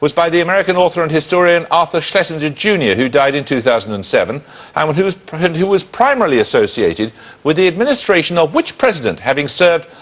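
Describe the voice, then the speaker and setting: A man hosts a television quiz, his voice pitched a little high. He reads each question in a brisk, crisp way and keeps the contest moving. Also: big pitch swings, fairly bright tone. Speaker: quiz show host. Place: television studio.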